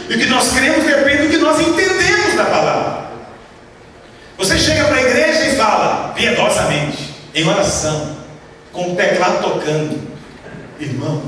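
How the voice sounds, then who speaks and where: Man, Brazilian accent, pastor's sermon, high lively voice, emphatic questions, far off in a booming church hall. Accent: Brazilian Portuguese. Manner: emphatic, asks the audience many rhetorical questions. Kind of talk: sermon to a congregation. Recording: echoey hall from far off with background noise.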